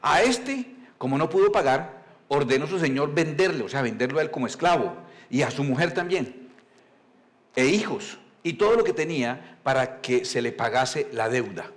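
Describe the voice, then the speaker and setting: A male pastor, preaching in a conversational storytelling style, asking the congregation questions and reading scripture slowly. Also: mid-range voice, expressive. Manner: reads scripture slowly and deliberately. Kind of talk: sermon.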